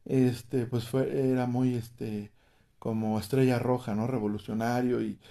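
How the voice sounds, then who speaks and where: A man's voice: medium pitch, level tone, unhurried, creaky, warm tone. A man with a Mexican accent hosting a casual chat, prompting with questions and dropping joking quips. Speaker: host.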